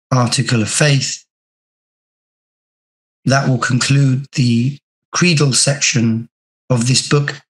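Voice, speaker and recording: A man with a hoarse, croaky sore-throat voice, teaching an online religious class in a measured, deliberate way. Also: mid-range voice, low-quality recording. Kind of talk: online class lecture with reading aloud. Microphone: video call.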